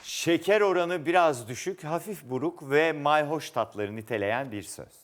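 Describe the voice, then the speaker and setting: A man's voice: a little high, expressive, moderate pace, a little hiss or hum. A man hosting a word quiz show, reading clues aloud and teasing the contestant in a playful way. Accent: Turkish. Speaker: game show host.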